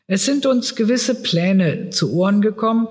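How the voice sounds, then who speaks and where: A man's voice: high-pitched, expressive, measured pace, voice pushed up. A man reading aloud as a sly blond police officer who coolly pressures a woman. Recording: reverberant hall.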